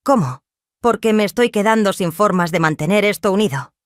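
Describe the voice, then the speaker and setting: A desperate young man whose words come out tense and strained, as a woman narrator puts him on. The read is even and mid-pitched, and the recording is dry. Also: a little fast, no echo, close to an everyday voice.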